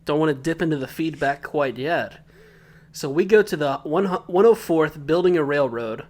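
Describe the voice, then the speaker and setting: A man's voice: on the high side, moderate pace, a little mellow. A man co-hosting a podcast, recapping an episode from his notes in a casual, joking way and laughing often. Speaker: podcast co-host.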